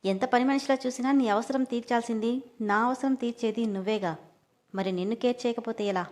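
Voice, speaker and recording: A woman reading the lines of a calm, stern young husband in a storybook, lowering her voice and speaking firmly and steadily. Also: brisk, close to an everyday voice.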